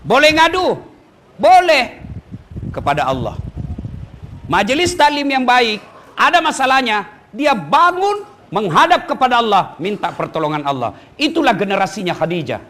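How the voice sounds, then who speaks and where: Middle-aged guy preaching to the ladies, jokey, acts out the wives and husbands, high voice, goes loud then drops low. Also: big pitch swings, moderate pace. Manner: playful, mimics wives and husbands, swings between loud punchlines and low asides. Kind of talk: humorous sermon to women's study group.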